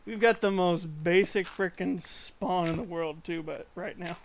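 A man's voice: high-pitched, measured pace, slight background noise. A young man hosting a casual gameplay video, chatty and joking, often laughing as he plays. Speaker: channel host. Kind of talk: gameplay commentary.

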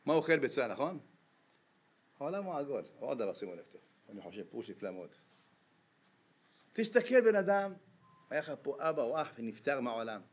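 A man giving a sermon as a rabbi, lively and full of rhetorical questions to his listeners. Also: medium pitch, pauses often, slightly rough.

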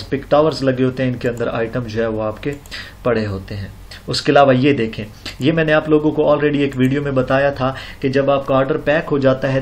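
A man narrating a screen-recorded seller tutorial, explaining step by step with many fillers and check-ins. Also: medium pitch. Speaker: online seller tutorial host. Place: indoors at computer, voice-over on screen recording.

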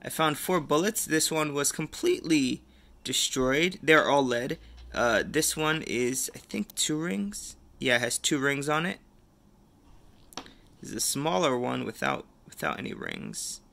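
Gravelly bright man showing his finds. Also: medium pitch, sing-song, unhurried, a little hiss or hum. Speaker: metal detecting vlogger. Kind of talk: show-and-tell wrap-up.

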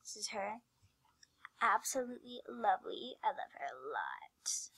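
A female vlogger rambles casually as she works in a screen-recorded vlog, often dropping her voice to a whisper. Her voice is medium-pitched and sing-song, a little slow, with a sharp tone and a breathy edge.

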